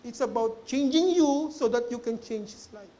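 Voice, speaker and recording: A middle-aged Filipino man preaching a lively, humorous sermon in a church, who keeps tagging his phrases with a questioning word. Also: very high voice, normal speed. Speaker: lay preacher. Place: church sanctuary.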